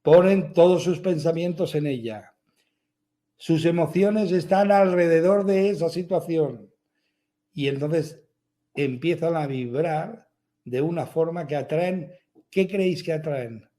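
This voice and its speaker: Speaking slowly in a warm, fairly high voice, a spiritual speaker delivers a motivational talk. He hammers his points home through emphatic repetition and asks rhetorical questions.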